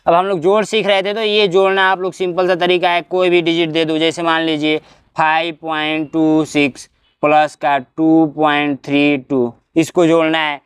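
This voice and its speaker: A man teaching a maths lesson for exam prep, walking his students through each step and checking that they follow. His voice sits high and rings clear. The recording is dry and close. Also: level tone, moderate pace, dry recording. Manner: explains step by step, tag-question fillers.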